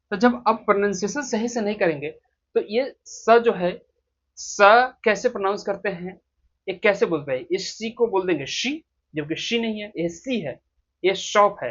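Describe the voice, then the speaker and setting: Indian male teacher, husky and a little breathy, dull recording, drills sounds slowly. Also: high voice, fairly bright tone. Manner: explains step by step and models sounds slowly. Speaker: English pronunciation teacher. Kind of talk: pronunciation lesson.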